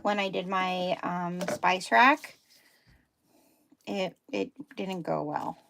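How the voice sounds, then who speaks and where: This time her voice sits on the low side, fairly bright, with vocal fry, and she speaks slowly against a little hiss or hum. The Dutchy-accented host jokes about herself and chats while demonstrating sewing at home on her livestream.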